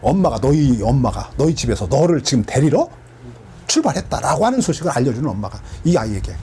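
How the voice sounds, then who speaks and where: A man's voice: mid-range voice, sing-song, fast talker, mellow, a little hiss or hum. A man teaching from the Bible as a pastor, asking his listeners questions and answering them himself.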